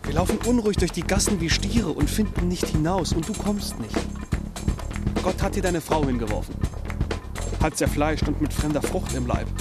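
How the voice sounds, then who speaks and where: Man playing a pushy pleading rebel comrade, higher voice, music going behind. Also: lively intonation, normal speed. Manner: pleading, agitated. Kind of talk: stage play performance.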